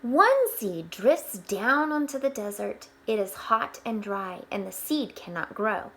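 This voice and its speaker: A woman reading a picture book aloud to children, expressively, pausing for explanatory asides. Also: medium pitch, slightly rough. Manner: expressive, with hushed asides pointing things out.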